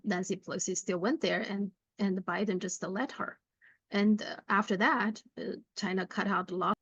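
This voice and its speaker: A woman hosting her own channel, reading viewer comments aloud and then giving her commentary in a measured way, often pausing on "uh". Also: medium pitch, creaky, breathy edge, no room sound, muffled recording. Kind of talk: commentary on current affairs.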